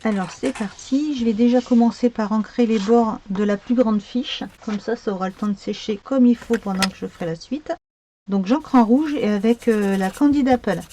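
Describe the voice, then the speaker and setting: A woman's voice: on the high side, normal speed, dark tone, a little hiss or hum. A woman talking her way through a card-making tutorial, chatty and thinking aloud with many fillers as she works. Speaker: craft tutorial host. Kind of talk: crafting tutorial narration.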